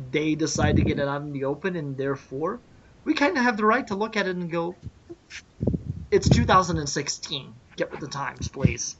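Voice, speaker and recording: A man's voice: fairly high pitch, heavy background noise. A man in a casual podcast chat, giving blunt, emphatic opinions. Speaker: podcast co-host. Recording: dull lo-fi audio.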